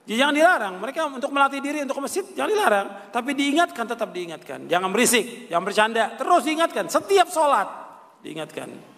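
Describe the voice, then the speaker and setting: A man's voice: extremely high pitch, big pitch swings, fast, creaky, fairly bright tone. An older man preaching a religious lecture, posing rhetorical questions and answering them himself, repeating key phrases. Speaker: Islamic preacher. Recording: reverberant hall.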